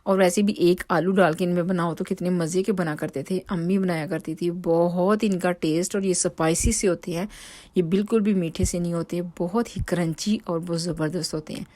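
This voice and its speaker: A woman's voice: on the low side, fairly even intonation, moderate pace, a little mellow, no echo. A woman, chatting through a home vlog voice-over with many fillers and restarts. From Pakistan. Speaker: home vlogger. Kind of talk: casual voice-over narration.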